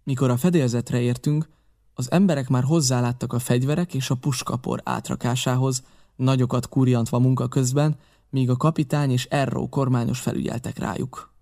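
A man narrating a classic adventure novel in the first person, with steady storytelling delivery. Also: mid-range voice, creaky. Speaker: audiobook narrator.

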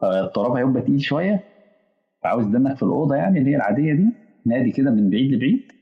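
A man's voice: mid-range voice, big pitch swings, very fast, long reverb tail, lo-fi sound. A man with an Egyptian accent preaching a colloquial sermon, acting out back-and-forth dialogues with imagined listeners. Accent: Egyptian Arabic.

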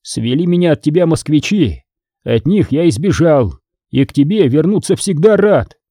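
A man's voice: on the high side, expressive, normal speed, dark tone, dry recording. Narrator as a battered tired craftsman, moaning, dry close sound. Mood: pleading. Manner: moaning, pleading. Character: wounded exhausted male goldsmith, crafty.

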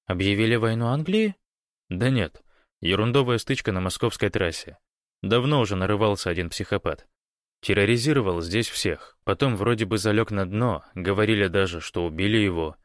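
Guy reading a chill confident dude brushing things off, lowish voice. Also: lively intonation, normal speed, no room sound, studio quality, natural voice. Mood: offhand.

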